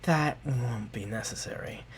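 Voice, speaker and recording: A man voicing Zinnia, a weary goddess over a thousand years old who talks in a calm, drawling and sometimes hushed way. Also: a bass voice, unhurried, a little hiss or hum, pitched above the performer's own voice, exaggerated voice. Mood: languid. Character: ancient weary goddess woman, lofty and dry.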